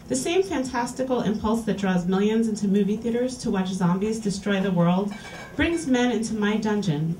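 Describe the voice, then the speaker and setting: Captured live from a distance in a roomy small lounge, a woman reads erotica aloud to an audience as host of a reading series. Her mid-range voice has a darkish tone, her delivery is clear and deliberate, and a little hiss or hum runs underneath.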